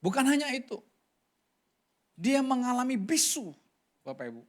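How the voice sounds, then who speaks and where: A male pastor preaching a sermon, telling a story animatedly with sudden jumps in pitch and often calling out to the congregation. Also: very animated, normal speed. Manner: keeps addressing the congregation directly.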